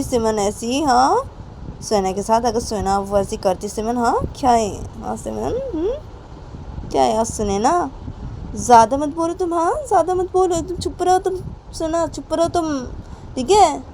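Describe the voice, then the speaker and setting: Woman doing a stern mother, scolding, repeats questions, mellow higher voice, storytelling. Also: slight background noise, natural voice. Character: stern angry mother scolding her daughter.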